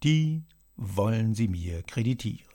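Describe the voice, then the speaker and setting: A man voicing an agitated male writer who loudly reads out a letter in a dramatized audiobook. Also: on the low side, animated, measured pace. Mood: declaiming. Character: agitated male literary man announcing news.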